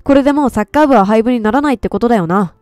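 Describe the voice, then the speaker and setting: A woman's voice: fairly high pitch, very fast, darkish tone, clear, resonant tone, no echo, clean studio sound, close to an everyday voice. Woman reading as an upbeat teen soccer captain. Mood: proud. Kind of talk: reading game dialogue aloud.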